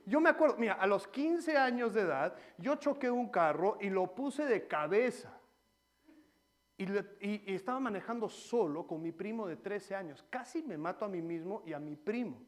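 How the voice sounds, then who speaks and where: A man preaching a sermon in church, swinging between loud exhortation and quiet personal stories. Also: high voice, animated, normal speed. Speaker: pastor.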